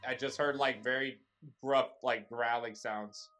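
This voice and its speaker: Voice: mid-range voice, fairly even intonation, a little slow, fairly bright tone, faint music behind. A ghost-hunt participant calling out short, blunt phrases and casual remarks on what is heard.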